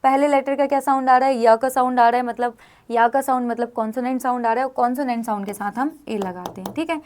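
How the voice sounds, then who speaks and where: Her voice sits on the high side with a darkish tone, and she talks at a quick pace. The woman, from India, is giving a grammar lesson, breaking rules down step by step and regularly asking her students whether they're with her.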